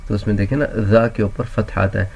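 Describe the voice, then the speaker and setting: A man's voice: fairly low pitch, steady tone, creaky, darkish tone. A man teaching a Quran reading lesson, patiently sounding out letters and repeating each sound as a drill. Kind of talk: slow step-by-step phonics lesson.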